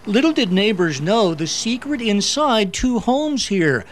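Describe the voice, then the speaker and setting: A man's voice: sits high, very animated, a little slow. A man narrating a scripted television news package as a reporter.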